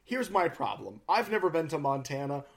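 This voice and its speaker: A man with a slightly raised pitch banters on a relaxed podcast. He jokes constantly, swears casually and throws in quick asides. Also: creaky, very noisy. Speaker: podcast co-host.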